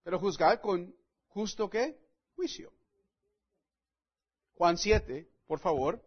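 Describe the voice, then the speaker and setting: High-voiced slow, emphatic man preaching. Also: animated, slightly rough, muffled recording. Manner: earnest, repeatedly addresses listeners as friends; emphatic, stresses key words. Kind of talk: sermon with scripture reading.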